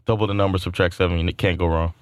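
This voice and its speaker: A man's voice: deep voice, flat delivery, racing, no room sound, clean studio sound. A man in his thirties co-hosting casual chat, rambling with many fillers and restarts. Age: 30s. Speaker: podcast co-host.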